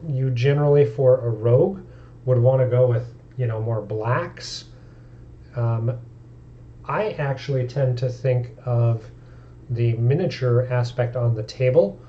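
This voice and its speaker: A man's voice: mid-range voice, dull audio, a little hiss or hum. A man streaming about tabletop games, talking casually and thinking aloud in an easygoing way. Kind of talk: casual live-stream talk.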